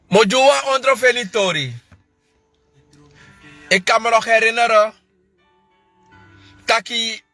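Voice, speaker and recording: High, bright-voiced man. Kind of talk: casual monologue to viewers.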